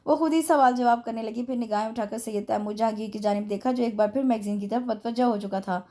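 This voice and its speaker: A woman reading a romance novel aloud as narrator, with steady, expressive storytelling. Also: on the high side, fast. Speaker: audiobook reader.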